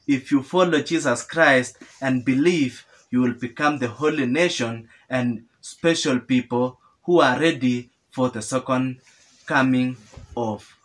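A young man delivers a sermon straight to the camera from a small room. He speaks slowly and earnestly in a slightly high voice. He often asks a question, answers it himself, and restarts or repeats phrases as he goes. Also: fairly bright tone. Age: young adult. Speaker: preacher. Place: small indoor room with sofa.

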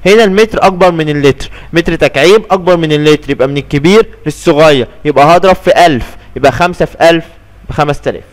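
A man's voice: on the high side, rapid-fire. A young man teaching physics in Egyptian Arabic, working through a step-by-step exam review and asking and answering his own questions as he goes.

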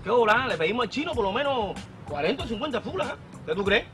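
Brash Cuban street thief. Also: male voice, very high voice, big pitch swings, music in the background. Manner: brash, streetwise, quick-talking. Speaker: bicycle thief. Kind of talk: Cuban TV police drama acting.

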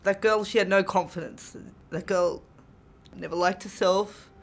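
A woman with an Australian accent, a single mum telling her story in an interview, reflective and quietly candid. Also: mid-range voice, steady tone, unhurried, creaky. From Queensland, Australia. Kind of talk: interview testimony. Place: studio backdrop.

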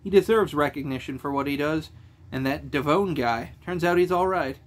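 A man voicing a brash young adventurer in an audiobook reading, with a wry, animated delivery. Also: a little high, moderate pace, close to an everyday voice. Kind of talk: audiobook character voice.

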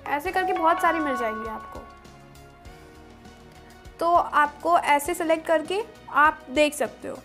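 A woman's voice: high voice, a little slow, pauses often, fairly bright tone, faint music behind. A young woman hosting a tech video, walking viewers through phone settings step by step in a friendly tone.

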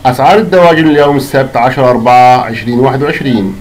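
A man with an Egyptian accent, hosting his channel and briskly reading out a long report of market prices, list after list of numbers. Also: medium pitch, darkish tone, poor audio. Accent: Egyptian Arabic. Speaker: channel host.

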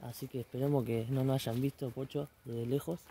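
A man with an Argentine accent chats casually as a vlog co-host. His timbre is mellow and relaxed, recorded outdoors at night with faint background noise. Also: mid-range voice, fairly quick, vocal fry.

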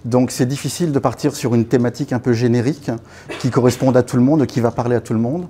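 A warm, medium-pitched voice with fairly even intonation moves at a quick pace as a man in his fifties, born in Congo and raised in Africa by French parents, recounts his life at a networking evening. His casual, anecdotal talk is full of fillers and restarts, recorded by a distant camera in a small meeting room with a little hiss or hum.

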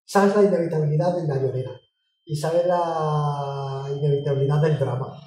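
A woman's voice: low-pitched, moderate pace, a little hiss or hum. Frank, swearing woman in her fifties. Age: 50s. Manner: frank and swearing, animated when telling stories, with laughs. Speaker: interviewee. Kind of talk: casual interview chat. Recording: roomy, distant mic with music behind.

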